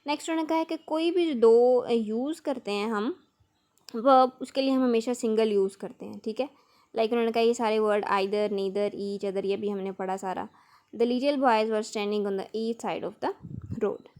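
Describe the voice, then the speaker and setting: A woman teaching a grammar lesson for exam preparation. She explains each rule step by step, reads the English example sentences slowly and carefully, and often checks in with her students. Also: on the high side, a little mellow. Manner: explains in Hindi-Urdu mixed with English terms.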